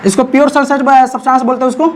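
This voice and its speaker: A man's voice: very high-pitched, little pitch movement, rapid-fire, slight background noise. A man teaching a classroom science lesson, constantly prompting his students to answer back. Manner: call-and-response, keeps prompting students to answer.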